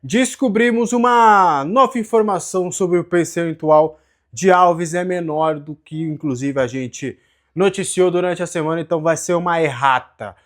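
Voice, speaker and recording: A man's voice: on the high side, normal speed. A Brazilian man with a Brazilian Portuguese accent, a sports journalist giving conversational football news commentary to his viewers. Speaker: sports journalist and channel host.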